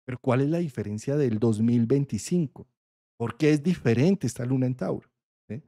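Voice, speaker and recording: A man's voice: medium pitch, normal speed, mellow, no echo, clean studio sound. A man from Colombia with a Colombian accent, explaining astrology in a conversational lesson and checking in often with his listeners. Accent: Colombian Spanish. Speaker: astrology teacher.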